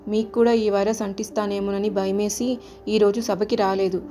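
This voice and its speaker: A sorrowful male planet Mars, as a woman storyteller puts him on, slow and tearful, in a mellow, soft-toned storybook voice. Faint music plays under the telling. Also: medium pitch, level tone, close to an everyday voice. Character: sad frightened male planet Mars, wearing a mask.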